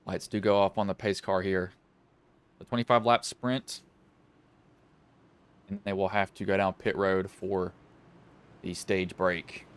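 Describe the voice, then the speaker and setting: Here the same kind of sim-race play-by-play comes in a low, clear, resonant voice with flat, unhurried delivery and long pauses. The Southwest Virginian speaker wanders, fixes his own mistakes, and mutters to himself between calls.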